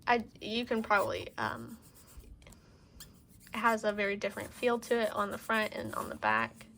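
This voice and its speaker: A woman's voice: medium pitch, big pitch swings, moderate pace, creaky, a bit bright. A woman giving a casual, gushing, rambling show-and-tell to camera, talking in strong wind. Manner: gushing, rambling with many 'like' asides. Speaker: tarot deck collector showing cards to camera. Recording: windy outdoor-like background noise. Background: wind noise.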